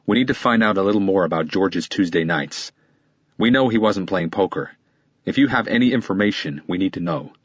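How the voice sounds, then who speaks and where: A calm detective questions a witness steadily and persistently, read by a man in an audiobook. The voice is low and husky. It sounds dry and a little dull. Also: fairly quick, dry recording. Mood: probing. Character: calm, probing male police detective.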